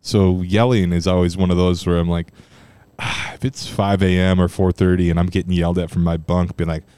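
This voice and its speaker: Deep-voiced man rambling solo. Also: fairly quick, clear, resonant tone, dry recording. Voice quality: strong loud voice, at times monotone. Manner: rambling, loose and profane, many fillers. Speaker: podcast host. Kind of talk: casual solo podcast chat. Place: room at home.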